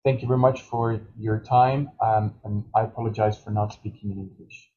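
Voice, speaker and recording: A man giving a measured academic panel talk, pausing with fillers. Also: fairly low pitch, fairly even intonation, warm tone, lo-fi sound.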